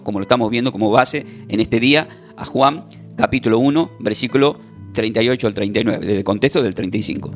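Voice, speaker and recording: A man delivering a sermon as a congregation's pastor, moving through scripture with a string of rhetorical questions and lines for the room to repeat. His voice sits at a middle pitch. Soft instrumental music plays faintly beneath him.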